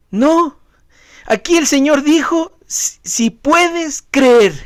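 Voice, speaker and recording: A man's voice: very high voice, no room sound, studio quality. A man who is a pastor preaching a sermon, emphatic and questioning the congregation directly. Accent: Ecuadorian Spanish.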